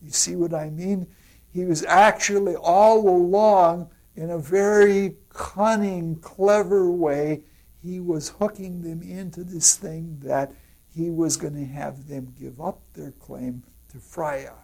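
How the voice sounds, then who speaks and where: Slow, gravelly-voiced man lecturing. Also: on the high side, steady tone, darkish tone, poor audio. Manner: halting, with frequent filler sounds and restarts. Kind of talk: informal lecture retelling an opera plot.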